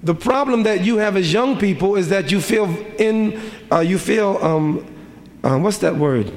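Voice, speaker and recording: A man's voice: high voice, lively intonation, unhurried. A middle-aged man preaching a sermon as an imam, with a rhythmic delivery full of repeated rhetorical questions. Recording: reverberant hall, faint ambience.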